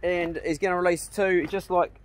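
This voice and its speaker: Out on rural land with plenty of background noise, a middle-aged vlogger with a broad New Zealand accent chats casually, laid-back and slangy, tossing in "eh" and "bro" at the ends of lines. His voice sits high, talks fairly quickly, and stays fairly even in intonation.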